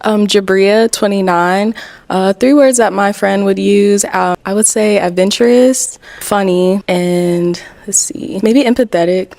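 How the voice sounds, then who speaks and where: A woman's voice: medium pitch, a little slow, creaky, darkish tone, no room sound. Hesitant woman with a dry sound. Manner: hesitant, filler-heavy answers. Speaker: dating show contestant. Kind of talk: casual dating show answers.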